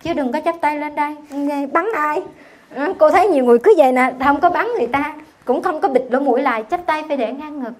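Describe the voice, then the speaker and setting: A Buddhist nun giving a conversational Dharma talk, often turning questions to her listeners and slowing into gentle chanting when she recites scripture. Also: high-pitched. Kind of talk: Dharma talk to a temple audience.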